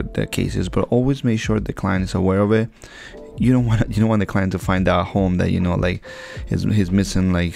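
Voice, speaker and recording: A man's voice: fairly low pitch, gravelly, a little mellow. A young man, a barber, talking casually over haircut footage in a rambling way with many fillers and restarts.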